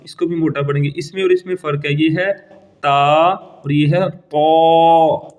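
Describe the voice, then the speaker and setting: A man teaching Quran reading, slowly drawing out each Arabic letter three times and giving brief explanations in between. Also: a little high, steady tone, darkish tone. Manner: slow, drawn-out repetition of each letter, three times over; quick plain explanations between recited letters. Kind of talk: letter-by-letter recitation lesson.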